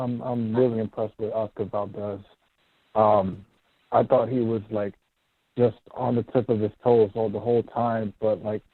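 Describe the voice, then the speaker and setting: A man calling in to a show, his voice muffled as if through a wall, halting and repeating words. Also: lowish voice, no echo. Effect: muffled phone line, as if through a wall. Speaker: caller. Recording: muffled tinny phone line.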